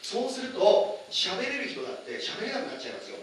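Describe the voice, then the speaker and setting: A man teaching a lively lecture, asking his audience questions, with many fillers. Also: high-pitched, quick pace. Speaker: English teacher giving a lecture. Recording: echoey room, far from the mic, faint noise.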